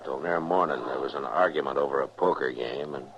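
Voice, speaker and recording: An actor playing a firm, steady frontier marshal in a radio western, grave and plain-spoken, with an American accent. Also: male voice, a bass voice, fairly quick. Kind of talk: old-time radio western acting. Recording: muffled, noisy vintage radio recording.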